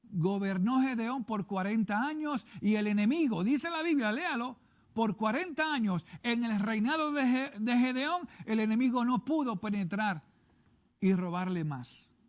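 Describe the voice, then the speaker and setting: Male pastor with a Puerto Rican accent, high voice, emphatic, repetitive TV sermon delivery. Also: measured pace. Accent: Puerto Rican Spanish. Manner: emphatic, repeats and urges listeners to read scripture. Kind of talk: televised sermon.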